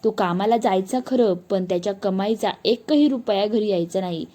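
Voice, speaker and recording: A woman's voice: mid-range voice, normal speed, warm tone. A woman narrating a scripted, sorrowful family story with emotional delivery.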